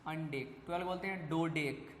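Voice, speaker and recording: A man with a fairly high voice runs a classroom lecture, calling out questions and answering them for his students. His voice rings through a big hall with a long echo. Faint room noise sits behind him. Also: fairly even intonation, normal speed. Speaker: chemistry teacher. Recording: echoey classroom with faint ambience.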